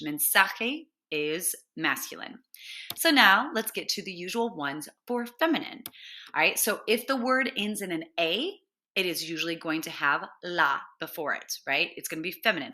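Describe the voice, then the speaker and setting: A woman teaching a grammar lesson, patiently spelling out letters, repeating examples slowly and checking in with "right?" as she goes. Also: on the low side, sharp tone. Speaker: Spanish teacher. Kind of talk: classroom lesson explaining grammar.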